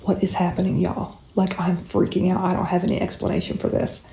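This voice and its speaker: A woman's voice: on the low side, little pitch movement, a little fast, vocal fry, dark tone. A woman, a mother telling a strange story at home in an urgent, repetitive whisper so she doesn't wake her baby. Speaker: mother recounting a strange event. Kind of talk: hushed storytelling to camera. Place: indoors at home. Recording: roomy echo.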